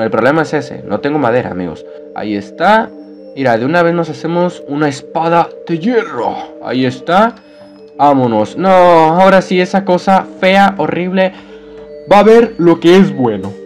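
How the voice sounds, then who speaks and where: A young man giving Let's Play commentary as he plays a game, chatting with viewers and yelping and screaming whenever he gets scared. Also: on the high side. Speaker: gaming youtuber.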